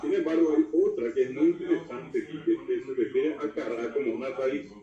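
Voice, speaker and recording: A man from Paraguay with a Paraguayan Spanish accent appears as a guest expert on Guarani on a TV talk show, explaining words. His mid-range, mellow voice is a little fast, and he lectures with many fillers. The TV studio audio is roomy, distant and dull.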